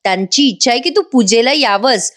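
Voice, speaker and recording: A woman's voice: on the high side, expressive, brisk, fairly bright tone. Woman reading as an earnest young heroine. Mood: pleading. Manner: earnest, coaxing.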